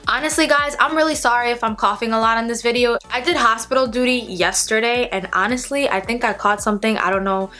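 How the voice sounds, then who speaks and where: A woman gives a chatty makeup tutorial like a beauty vlogger, speaking straight to her viewers over background music. Her voice is a little high and has a sharp tone.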